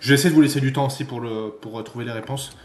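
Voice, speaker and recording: A man vlogging in casual chat who gets excitable, swears freely and thinks aloud as he goes. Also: medium pitch, rapid-fire, slight background noise. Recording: roomy echo.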